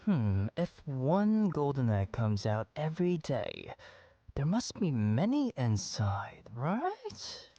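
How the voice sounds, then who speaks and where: A man's voice: mid-range voice, wildly swooping pitch, slow pace, warm tone, dry recording, dull audio, full character voice. A man playing a greedy, impatient farmer in a radio story, coaxing and demanding. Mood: scheming. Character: greedy, impatient middle-aged male farmer.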